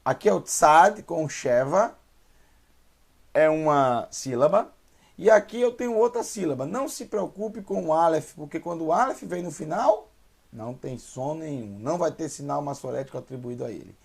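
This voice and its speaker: A man teaching a Hebrew reading lesson, patiently sounding out syllables and repeating words slowly. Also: fairly high pitch, lively intonation, gravelly, breathy edge. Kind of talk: online language lesson.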